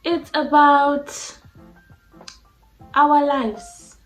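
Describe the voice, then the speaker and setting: A woman's voice: high-pitched, steady tone, very slow, echoey room, faint music behind, poor audio. A woman in her twenties from South Africa, talking casually and rambling to her vlog audience with lots of fillers. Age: 20s. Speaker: vlogger. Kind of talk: casual talk to camera.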